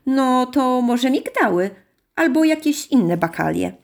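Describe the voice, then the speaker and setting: A woman's voice: high-pitched, very animated, a little slow, creaky, voice pushed up, heavily acted. A woman voicing a cheerful boy in hospital who likes to joke. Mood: joking. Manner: joking, cheerful.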